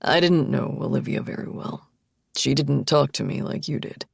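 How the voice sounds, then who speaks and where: A calm, friendly middle-aged man remembers old friends in a soft, wistful way, read by a woman in her own low voice. The tone is gravelly and husky. It sits close and dry in the ear, as in an audiobook. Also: normal speed, no room sound, exaggerated voice. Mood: reflective.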